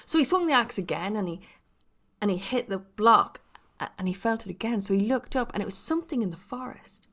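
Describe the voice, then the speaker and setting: An Irish woman telling a folk tale in a lilting storyteller's manner, with dramatic pauses and repetition. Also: medium pitch, lively intonation, a bit bright. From Ireland. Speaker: storyteller, podcast guest.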